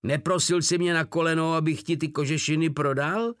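A man's voice: on the high side, fairly even intonation, fairly bright tone, dry recording, studio quality, pitched above the performer's own voice, lightly acted. A man voicing a sly, wisecracking male soldier who talks down to his rival in a mocking, mock-fatherly tone. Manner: condescending, mock-fatherly teasing.

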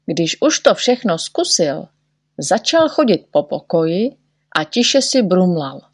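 A woman narrating a children's storybook in a gentle, expressive manner. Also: lowish voice, breathy edge, dry recording, studio quality. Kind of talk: storybook reading.

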